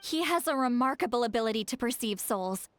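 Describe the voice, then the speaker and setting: An actress playing a composed adult woman leader in a video game, speaking with calm authority. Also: fairly high pitch, brisk, faint music behind, natural voice. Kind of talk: game voice acting.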